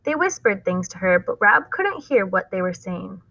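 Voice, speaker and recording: A woman's voice: mid-range voice, sing-song, moderate pace, creaky, sharp tone, no echo, rough recording. A woman teacher reading a novel aloud to her class and stopping to explain it in plain, casual words.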